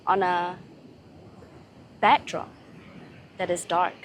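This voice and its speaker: Woman channelling a slow, serene goddess voice. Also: lowish voice, level tone, slight background noise. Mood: serene, solemn. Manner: slow, solemn goddess-like delivery with long pauses. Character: serene, loving goddess speaking as a channelled divine being. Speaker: spiritual channeller. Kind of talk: channelled spiritual message.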